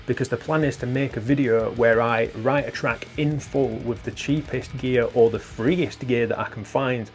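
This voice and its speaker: A man's voice: medium pitch, fairly even intonation, normal speed, hardly any pauses. A young British man hosting a guitar channel, talking gear casually, swearing and laughing at his own jokes. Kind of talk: casual gear talk to camera.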